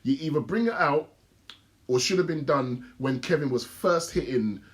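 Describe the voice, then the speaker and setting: A man's voice: a little high, animated, moderate pace. London roadman man giving casual opinions. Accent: London, urban roadman slang. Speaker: podcast co-host reviewing films. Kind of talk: casual opinionated review chat.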